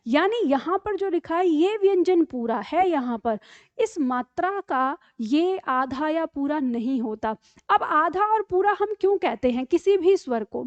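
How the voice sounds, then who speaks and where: A Hindi teacher with a high voice gives an online grammar lesson, patiently explaining step by step and frequently checking in with her students by asking "ठीक है?". The recording has no room sound, and its highs are cut off.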